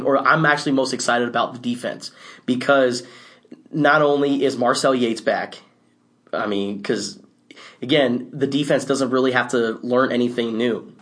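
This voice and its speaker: A man co-hosting a casual sports talk show, relaxed and loose, with restarts and quick laughs. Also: medium pitch. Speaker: sports podcast co-host.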